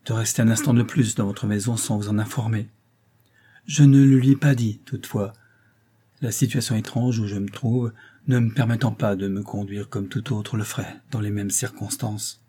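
A man reading aloud, voicing a shy, earnest young man who speaks in a restrained, quiet way. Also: lowish voice, husky.

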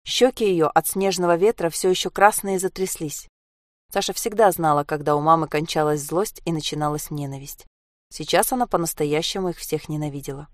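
A woman's voice: low-pitched, fairly quick, dry recording. Woman reading a story, dry sound. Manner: steady storytelling. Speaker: reader. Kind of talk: scripted story narration.

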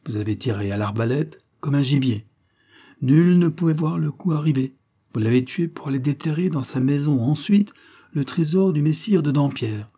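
A man playing a calm, determined police inspector in a read-aloud detective story. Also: on the high side, moderate pace, voice pushed up. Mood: accusing. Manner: firm, reassuring.

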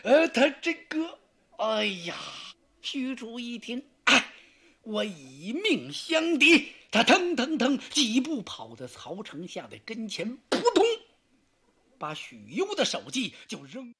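A storyteller spins a traditional tale in a radio studio, adding vocal sound effects for blows and drawn swords. The voice is bright and a little breathy, and the pitch leaps dramatically from phrase to phrase. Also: big pitch swings, unhurried.

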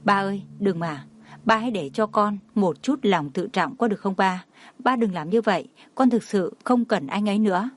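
A woman's voice: medium pitch, normal speed, dry recording, natural voice. A woman voicing a heartbroken young woman, pleading.

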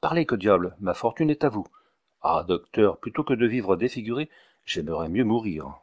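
Doleful self-pitying notary, plaintive, lowish voice, done by a man. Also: lively intonation, normal speed.

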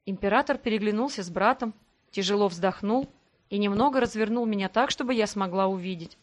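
A woman narrating a first-person fantasy audiobook in an expressive voice with dry irony. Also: medium pitch, fairly quick.

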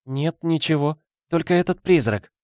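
A man's voice: on the high side, normal speed, a little mellow, dry recording, clean studio sound, voice pushed up, natural voice. A man voicing a sad, tearful painted little girl who whimpers and pleads meekly in a storybook reading. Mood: plaintive. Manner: whimpering, plaintive. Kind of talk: audiobook character voice.

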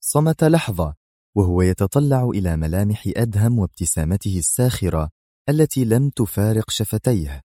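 A man narrating a spy thriller audiobook in a measured, dramatic way. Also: lowish voice, sing-song, warm tone, no room sound, studio quality.

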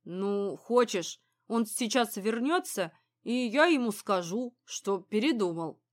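A woman voicing an apologetic husband in his thirties, speaking softly and pleadingly. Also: medium pitch, animated, takes it slowly. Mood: conciliatory. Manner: soft, pleading.

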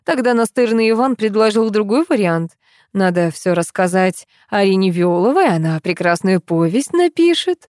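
A woman's voice: medium pitch, animated, normal speed, a little mellow, no echo, clean studio sound, natural voice. A woman reading an audiobook voices a stern old grandmother who gives curt, commanding orders. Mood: calm. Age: older.

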